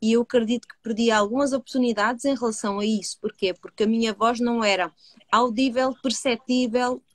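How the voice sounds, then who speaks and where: A woman with a European Portuguese accent, a hypnotherapist co-hosting a live discussion, earnest and measured, who asks rhetorical questions and then answers them. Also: fairly high pitch, fairly even intonation, dry recording. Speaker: co-host, hypnotherapist. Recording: dry close sound.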